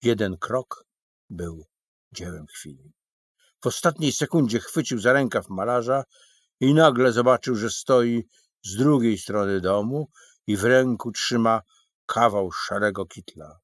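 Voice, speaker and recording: A man narrating an audiobook in slow, expressive storytelling. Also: mid-range voice, no echo. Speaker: audiobook reader.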